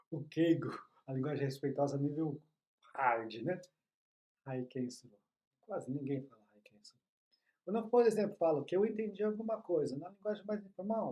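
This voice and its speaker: A man's voice: fairly high pitch, warm tone, rough recording. A man, explaining Japanese in a casual online lesson and often checking in with the listener. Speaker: Japanese teacher.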